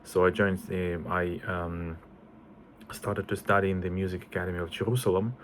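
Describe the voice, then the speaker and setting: Low-voiced hesitant man. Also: fairly even intonation, normal speed, slight background noise. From Estonia. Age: 40s. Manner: hesitant, many fillers and restarts. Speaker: composer introducing himself. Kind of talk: casual self-introduction.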